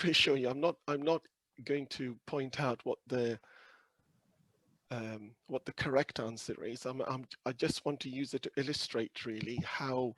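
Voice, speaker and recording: Croaky hoarse guy doing an online presentation, kinda husky, careful and hesitant, dry sound. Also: medium pitch, no room sound, poor audio. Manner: humble, hesitant, softly hedging. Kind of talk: explanatory webinar presentation. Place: video call with screen sharing.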